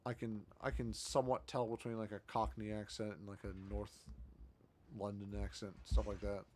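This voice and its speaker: A man's voice: on the low side, level tone, moderate pace, darkish tone, a little hiss or hum. A man streaming a video game, chatting casually and rambling to himself as he plays. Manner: rambling, self-talking, chatty with fillers. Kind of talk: casual gameplay commentary.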